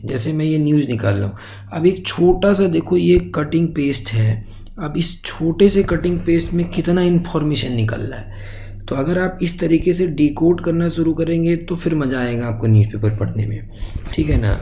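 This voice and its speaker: A man's voice: fairly high pitch, dark tone, slight background noise, low-quality recording. A male exam-prep teacher giving an explanatory lecture, walking through each step and asking then answering his own questions, with English terms mixed into his talk. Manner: mixes English terms into Hindi.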